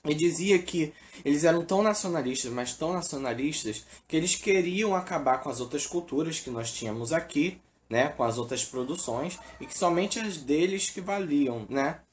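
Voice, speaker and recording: A man's voice: on the high side, expressive, moderate pace, few pauses, a little hiss or hum. A man with a Brazilian Portuguese accent giving an informal literature lesson, filling his sentences with tag questions and hesitations. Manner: casual, fills with "né" and "é". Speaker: teacher.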